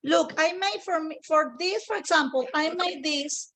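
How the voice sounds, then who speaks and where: A woman's voice: high voice, moderate pace, a bit bright. A native Spanish-speaking woman with a Colombian accent hosts a casual cooking demonstration, chatting informally and repeating phrases for emphasis. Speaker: cooking show host, home cook.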